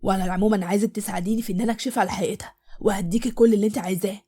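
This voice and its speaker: A woman's voice: medium pitch, fairly even intonation, rapid-fire, mellow, husky, natural voice. A woman with an Egyptian accent voicing a young paralysed husband who suspects his wife, speaking in earnest, urgent dialogue for an audio story. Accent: Egyptian Arabic. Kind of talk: storybook voice acting.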